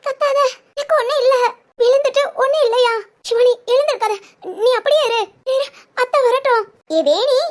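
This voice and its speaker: A woman voicing all the characters of a village family drama, fussing and crying out in alarm. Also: extremely high pitch. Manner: emotional, fussing, with cries of alarm.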